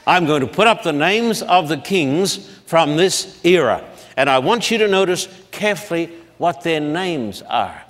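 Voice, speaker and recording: A male Bible lecturer with a fairly high voice speaks slowly and with great deliberation, breaking long names into separate syllables. His voice carries a long reverb, as if recorded in a large lecture hall. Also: big pitch swings, a bit bright. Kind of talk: public Bible lecture with blackboard.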